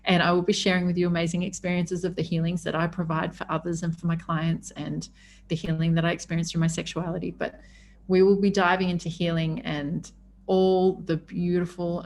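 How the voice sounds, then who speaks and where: A woman's voice: lowish voice, level tone, brisk, a little hiss or hum. A woman hosting a podcast, speaking in a candid, effusive personal monologue with emphatic phrasing, stretching words for emphasis. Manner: effusive, emphatic, swearing freely. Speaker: podcast host.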